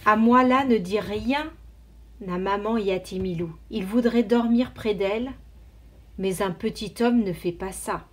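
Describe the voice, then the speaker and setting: A woman teacher reading a picture book aloud to young children in an expressive, carefully paced storytelling manner. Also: mid-range voice, unhurried.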